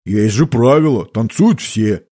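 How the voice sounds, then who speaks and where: A man's voice: medium pitch, animated, measured pace, dark tone. A man voicing a big, dim-witted young squire who blurts out indignant, simple protests, in an audiobook.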